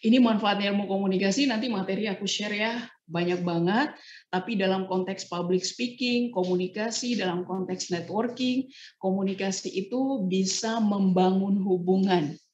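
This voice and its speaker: A woman trainer giving a casual online training talk, acting out short example dialogues as she explains. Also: medium pitch. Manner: lively, acts out example dialogues. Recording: roomy, dull lo-fi sound.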